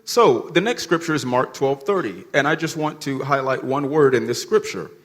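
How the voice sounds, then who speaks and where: A man's voice: medium pitch, lively intonation, measured pace. A man with an American accent, a native English speaker who keeps it when speaking Spanish, teaching an audience in short plain phrases. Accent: American, also heard when speaking Spanish. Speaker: visiting speaker teaching a church seminar. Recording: echoey hall, long reverb.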